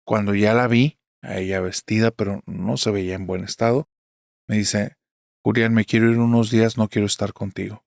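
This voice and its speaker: A man's voice: lowish voice, level tone, normal speed, vocal fry, darkish tone, no echo, clean studio sound. A man voicing a distraught young husband who pleads as he recounts his ordeal in a horror story. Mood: anguished. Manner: pleading, anguished confession.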